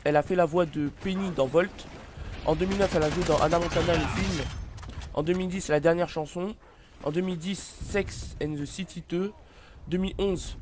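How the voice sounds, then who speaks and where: Casual male vlogger, a bit high-pitched, halting delivery with many fillers, light background noise. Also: a little mellow. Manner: hesitant, many fillers and restarts, apologetic. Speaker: YouTuber presenting a celebrity biography. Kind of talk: casual read-aloud commentary.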